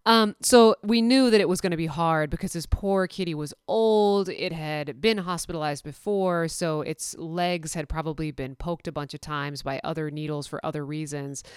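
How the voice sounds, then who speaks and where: A woman's voice: sits low, normal speed, hardly any pauses, clean tone, no room sound, clean studio sound. A woman hosting a casual storytelling podcast, a veterinary technician telling work stories in a chatty, self-deprecating way with many restarts. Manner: self-described nervous person.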